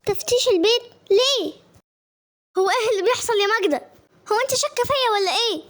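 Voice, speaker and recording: A woman's voice: very high voice, lively intonation, fast talker, fairly bright tone. A woman voicing an obsessive neighbor who insists a girl is her daughter, in Egyptian Arabic. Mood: insistent. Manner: insistent, pleading.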